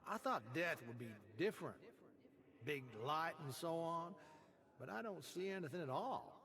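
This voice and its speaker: Video game ghost of a sailor: male, fairly high voice, breezy, chatty, a little puzzled by it all. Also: animated, moderate pace, a bit bright. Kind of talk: video game character dialogue.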